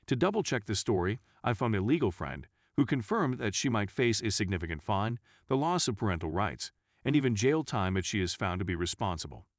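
Low-voiced man narrating a forum story. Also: brisk, no room sound, clean studio sound. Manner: steady reading of a first-person account.

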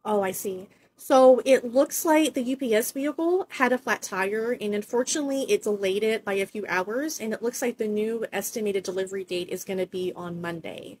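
A woman's voice: medium pitch, normal speed, hardly any pauses, darkish tone, slight background noise, lightly acted. A young woman playing a polite customer service phone agent in a comedy skit, with scripted, apologetic phrasing. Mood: apologetic, patient. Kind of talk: comedy skit role-play.

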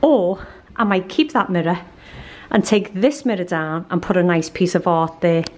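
A woman's voice: lowish voice, moderate pace. A woman, chatting casually and ramblingly to camera as a home vlogger. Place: living room at home. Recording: clear background noise.

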